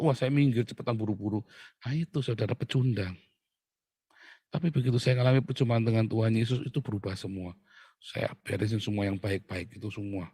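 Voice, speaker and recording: A male pastor, preaching in an animated, mocking way that swings from loud outbursts to low asides. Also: husky, no room sound, studio quality. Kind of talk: sermon.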